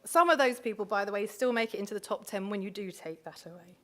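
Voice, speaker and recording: Speaking fast at a medium pitch, this female awards host chats her way through a live on-stage ceremony, throwing in plenty of asides. She uses a microphone in a large hotel function room.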